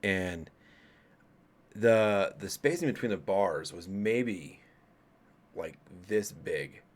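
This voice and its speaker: Casual ghost story telling comes from a late-thirties vlogger from Colorado, USA, who addresses the camera directly. With a somewhat low voice and no script, he rambles, restarts sentences, and tosses asides to viewers.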